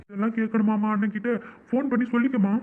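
A man with a high voice acts out the parts of a comic cartoon, growling his threats one moment and pleading softly the next. The sound is thin and tinny, like a voice down a phone line. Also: fairly even intonation, fast. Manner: switches between gruff threats and soft pleading. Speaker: voice actor for a village comedy cartoon.

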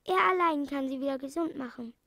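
A sad, tearful crocodile who speaks mournfully, read aloud by a woman. The voice is high with some fry. It is a close, dry recording. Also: fairly quick, bright, forceful tone, no echo. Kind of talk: storybook reading.

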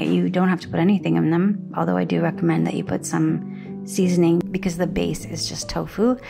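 A middle-aged Canadian woman vlogs about cooking, chatting to camera outdoors beside a brick wall. She's friendly and tends to drift off topic, speaking in a lowish, creaky voice.

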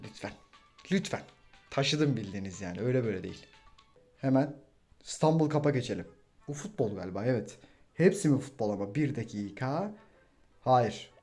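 A young man giving casual, excitable commentary over his own gameplay and teasing his teammates as he plays. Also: mid-range voice. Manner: excitable, banters and trash-talks teammates. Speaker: gaming YouTuber.

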